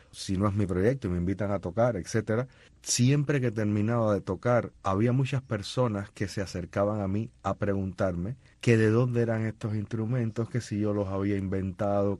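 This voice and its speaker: Warm-toned and lowish, a male musician is interviewed conversationally about his music and the shows he does at schools, with no room sound on the recording. His long stories keep restarting and are padded with fillers, and he is not a native Spanish speaker.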